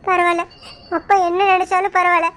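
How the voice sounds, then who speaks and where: A woman's voice: very high voice, level tone, fairly quick, pushed and bright, slight background noise. A woman voicing a tearful young village woman who pleads with fate.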